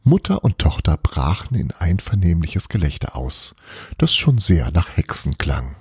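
Man reading a story aloud, deep voice, very husky, lively melody, dry sound. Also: a little slow, no echo.

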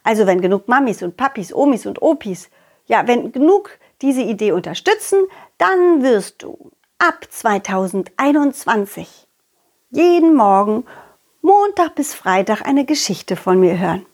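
Lively woman telling children's stories. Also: fairly high pitch, a little slow. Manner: warm, playful address to children. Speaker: children's storyteller. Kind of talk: storytelling for children.

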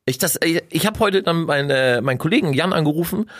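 A man, co-hosting a casual podcast, telling a story in a lively, crude way with swearing and laughter. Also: fairly high pitch, fairly quick, no echo, clean studio sound. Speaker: podcast co-host.

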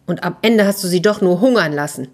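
A woman voicing a quick-tempered old tailor who blusters and rages at his sons. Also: on the low side, a little mellow, lightly acted. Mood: furious.

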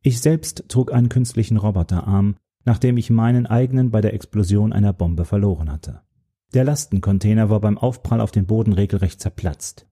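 A man reading a story in calm, measured first-person narration. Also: lowish voice, husky. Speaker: audiobook narrator.

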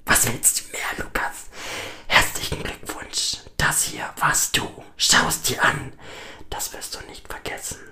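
A man voicing a sinister inner voice in whispered role-play, mocking and controlling in a hissing whisper. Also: measured pace. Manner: soft, hissing, taunting whisper.

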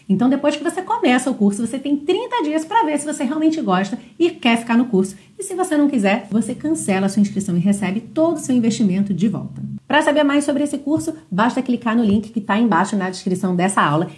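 A Brazilian woman teaching English online, pitching her course and drilling pronunciation slowly. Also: a little mellow. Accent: Brazilian Portuguese.

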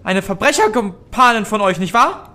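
A man's voice: high-pitched, very animated, moderate pace, bright, forceful tone, voice pushed up, full character voice. A man playing a frightened, suspicious man in a tabletop role-play, stammering and agitated, with noise behind him. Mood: fearful, accusing.

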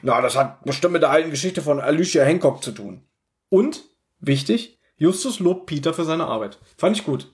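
A man's voice: fairly high pitch, animated, a little fast, few pauses. A man co-hosting a podcast, chatting casually and jokingly with strong opinions about a radio play. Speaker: podcast co-host.

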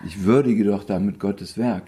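Speaking at normal speed in a fairly low voice, a man in his fifties appears as a photographer guest in an interview. His casual, rambling stories carry wry humor and plenty of hesitation.

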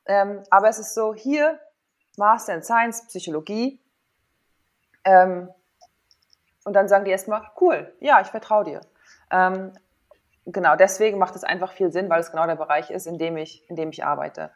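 Pausing often, this woman in her thirties speaks at medium pitch and a moderate pace. She's a former athlete and sports psychologist being interviewed, sharing personal stories candidly and informally as she thinks aloud.

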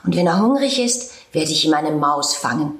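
A woman voicing a shabby, lonely, aging male tomcat in a storybook reading, speaking gently and wistfully. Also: low voice, expressive, normal speed. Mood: yearning. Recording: roomy echo.

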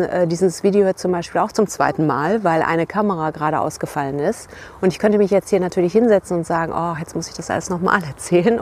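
A woman's voice: lowish voice, a little mellow, a little hiss or hum. Reflective woman coaching outdoors. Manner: reflective, addresses the viewer directly with tag questions. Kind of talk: motivational talk to camera. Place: outdoors by a river.

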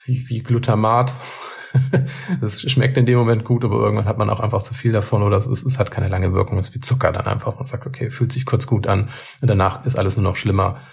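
Gravelly, husky man in calm podcast chat. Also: lowish voice, fast talker. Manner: reflective, with restarts and repeated words. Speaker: podcast co-host.

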